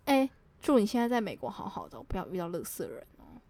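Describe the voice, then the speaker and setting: A young woman casually telling a story on a podcast, swinging from hushed mutters to loud indignant outbursts. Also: mid-range voice, sing-song, fast talker, creaky. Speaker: podcast co-host.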